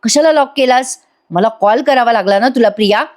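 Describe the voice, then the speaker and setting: A woman's voice: a little high, voice pushed up, natural voice. Woman doing a cold, threatening young woman. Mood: menacing. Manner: slow, hard, menacing.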